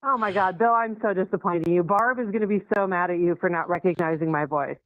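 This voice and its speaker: A woman's voice: lowish voice, fast, dry recording. A woman calling in to a talk show, chatting casually and teasing, her phone line breaking up. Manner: teasing, playful. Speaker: caller. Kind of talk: casual call-in chat. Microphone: telephone.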